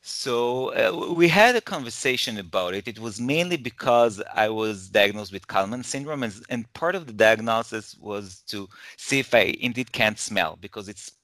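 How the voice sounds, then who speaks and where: A man's voice: fairly low pitch, expressive, moderate pace, hardly any pauses, a bit bright, no room sound. A man from Israel, a professor and guest in an interview, talking hesitantly and repeating his words. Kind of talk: interview conversation.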